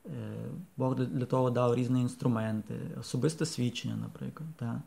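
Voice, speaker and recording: Gravelly-voiced priest musing hesitantly. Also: male voice, mid-range voice, fairly even intonation, a little fast, warm tone. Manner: hesitant, many fillers and restarts; reflective, explaining by examples. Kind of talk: informal podcast talk.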